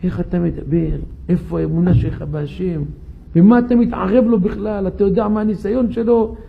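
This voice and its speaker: A man's voice: high-pitched, creaky, phone-quality sound. A man voicing a devout wife who scolds her husband, in a sermon story. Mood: scolding.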